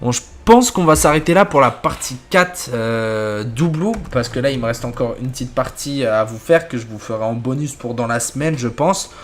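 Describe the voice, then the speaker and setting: A man hosting a horror story channel, wrapping up casually and thinking aloud with hesitant pauses. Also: mid-range voice. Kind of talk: casual wrap-up commentary.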